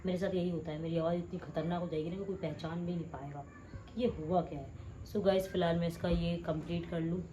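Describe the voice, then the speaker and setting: A woman in her thirties vlogging casually at home at night, chatty and rambling, her throat slightly hoarse. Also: on the low side, fairly even intonation, quick pace, mellow, lo-fi sound, slight background noise. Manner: chatty, rambling, addresses viewers as guys. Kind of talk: casual chat to camera.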